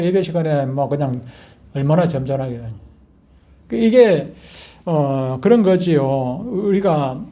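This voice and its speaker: Korean pastor telling a sermon story. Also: male voice, on the high side. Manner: animated storytelling, acting out scenes with loud outbursts.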